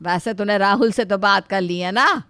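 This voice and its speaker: A woman voicing the bride's loud, fussing middle-aged mother in a cartoon story. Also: mid-range voice, moderate pace, no room sound, pitched below the performer's own voice, lightly acted.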